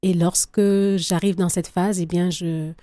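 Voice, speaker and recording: Haitian-accented woman, soft thoughtful speech. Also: on the low side, little pitch movement, unhurried, dry recording. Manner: reflective, laughs often, many restarts. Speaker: singer-songwriter guest. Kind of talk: radio interview conversation.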